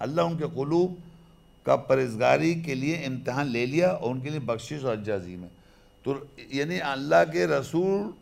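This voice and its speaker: A man giving a religious lecture on the Quran, explaining at length, mixing in English terms and reciting verses slowly. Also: medium pitch, gravelly.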